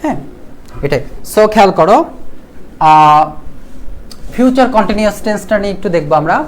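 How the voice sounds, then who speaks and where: A man's voice: high-pitched, animated, normal speed, a little hiss or hum. A man with a Bangladeshi Bengali accent, teaching English grammar in a live online class. He asks the class questions, answers them himself, reads out viewer comments and repeats key rules.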